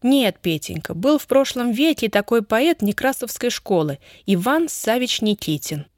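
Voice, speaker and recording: Storybook grandmother, elderly woman, gentle and reproachful, read by a woman. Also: on the high side, sing-song, moderate pace, dry recording, clean studio sound, voice pushed up. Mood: patient. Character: fussy kindly old grandmother.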